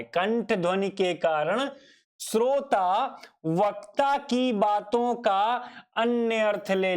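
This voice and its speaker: Slow, high-voiced male grammar teacher. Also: clean tone. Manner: asks himself questions, repeats definitions; addresses students fondly as child. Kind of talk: Hindi grammar lecture.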